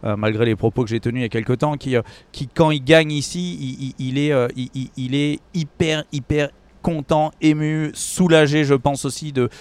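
A man's voice: medium pitch, steady tone, normal speed, clear, resonant tone, no echo. A man giving opinionated, conversational golf analysis as a pundit, often repeating words as he searches for phrasing. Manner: opinionated, with stammered repetitions.

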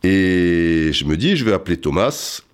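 Lively low-voiced male comic storyteller. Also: a little slow, smooth. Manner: rambling, self-mocking, full of asides and restarts.

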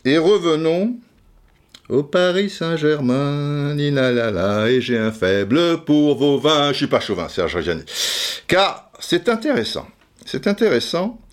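A man's voice: fairly high pitch, sing-song, unhurried. A man talking casually as a commentator, repeating words as he stammers and swearing now and then. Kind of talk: casual chat.

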